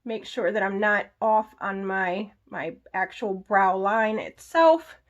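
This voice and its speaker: A woman beauty vlogger speaks slowly in a mid-range voice, chatting through a get-ready-with-me makeup routine, explaining every step with little side comments along the way. The recording's high frequencies are cut off.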